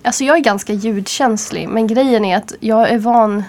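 A woman's voice: on the high side, a little mellow. Young örebro woman on student radio, rambly chat, keeps restarting, lots of ums, örebro accent. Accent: Örebro Swedish. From Örebro, Sweden. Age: young adult. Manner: rambling, many fillers and restarts. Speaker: radio co-host. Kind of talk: casual studio chat. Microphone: studio microphone.

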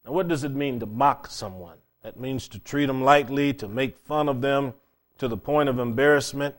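A man preaching a conversational sermon, plain-spoken, repeating phrases for emphasis. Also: medium pitch.

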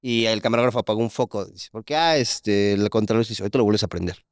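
Mexican man telling lively stories. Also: lowish voice, quick pace, smooth, no room sound, clean studio sound. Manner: animated storytelling, acts out quotes. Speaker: podcast co-host. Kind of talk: casual chat.

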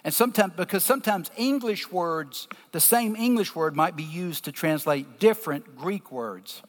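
A man with a deep Southern US accent preaching a sermon, teaching scripture emphatically and deliberately in short, broken phrases. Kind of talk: sermon, explaining scripture to a congregation. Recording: long reverberation of a large hall.

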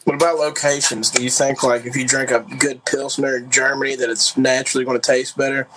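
A man's voice: mid-range voice, little pitch movement, fairly quick, noisy background. A man joking around on a podcast, teasing and laughing. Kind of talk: casual joking chat.

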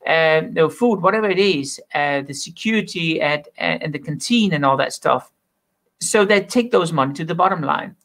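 A man's voice: a little high, a bit bright. A man from Denmark, an author answering interview questions in an opinionated way and making bold claims. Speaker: author and guest.

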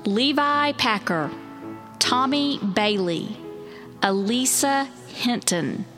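A woman's voice: on the high side, animated, a bit bright, faint music behind. Woman reading names through digital echo. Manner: slow, measured reading of names. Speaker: podcast co-host.

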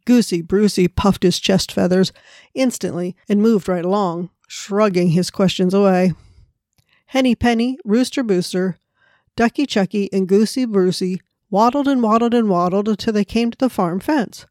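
A woman's voice: medium pitch, normal speed, a little mellow, no room sound, clean studio sound. A woman hosting a devotional podcast, speaking in an earnest, prayerful way and narrating a children's story. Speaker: podcast host.

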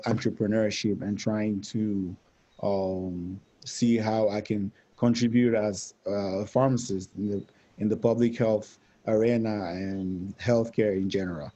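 A man from Cameroon speaks as a guest pharmacist, measured and reflective with a low, flat, mellow voice. The recording sounds dull and lo-fi. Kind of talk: casual interview.

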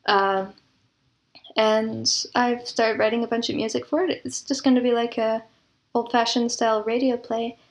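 Talking at a normal pace with little movement in pitch, a woman with a slightly high voice discusses creative work in a relaxed way. She's appearing as an interview guest, a composer who also produces audio dramas.

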